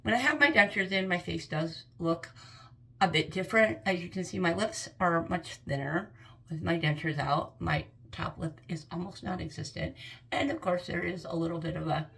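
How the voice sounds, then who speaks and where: A woman's voice: lowish voice, moderate pace, creaky, a bit bright, poor audio. A woman in her fifties speaking candidly and earnestly to camera in a personal vlog. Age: 50s. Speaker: vlogger.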